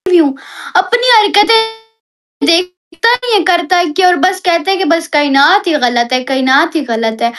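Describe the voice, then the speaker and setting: Female live-stream host, very high pitch, heated and repetitive when she argues. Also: normal speed, hardly any pauses. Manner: animated, heated complaining; repeats herself for emphasis. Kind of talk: casual live-stream chat.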